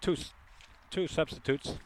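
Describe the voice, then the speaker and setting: A man's voice: measured pace, a little hiss or hum. Chatty partisan male sports commentator. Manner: chatty, partisan, jokes with listeners. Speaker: play-by-play commentator.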